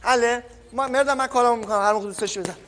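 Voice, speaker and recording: An Iranian boxing coach with a cold and an extremely high-pitched voice gives a casual, energetic training tutorial beside a punching bag in a gym, calling his viewers kids and trailing off quietly. There's no microphone, just camera audio, with long, echoey gym reverb.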